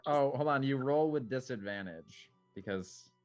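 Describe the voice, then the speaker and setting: A man narrating his character's moves in a tabletop role-playing game, informal and halting. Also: mid-range voice, animated. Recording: dull lo-fi mic, music behind.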